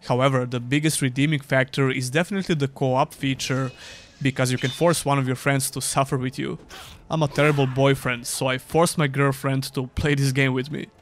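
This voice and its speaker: A man's voice: mid-range voice, little pitch movement, brisk, slight background noise. Sarcastic young man reviewing games. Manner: dry, sarcastic. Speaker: gaming YouTuber. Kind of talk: scripted game review voice-over.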